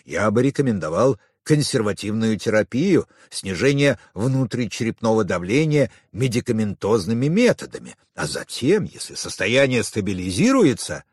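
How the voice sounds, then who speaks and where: A man's voice: fairly low pitch, sing-song, moderate pace, hardly any pauses, breathy edge, no echo, clean studio sound. An audiobook reader voicing a tired, cautious grey-haired older male neurosurgeon, grave in tone.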